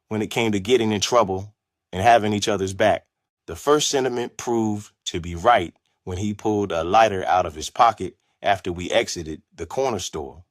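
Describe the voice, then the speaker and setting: Guy reading his own memoir, kinda low voice, steady and measured, no room sound. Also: no room sound, studio quality. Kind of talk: scripted memoir narration.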